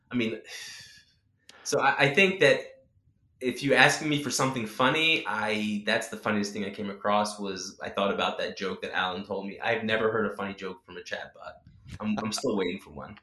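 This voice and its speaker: A man, a guest who designs chatbot characters, giving animated and opinionated answers in a casual interview, often restarting his sentences. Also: on the low side, normal speed. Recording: echoey room.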